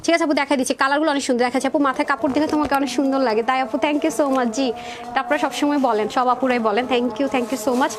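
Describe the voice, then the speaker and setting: A woman presenting dresses in a live sales stream, chatty and rapid, calling viewers sister. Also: high-pitched, steady tone. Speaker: online clothing seller.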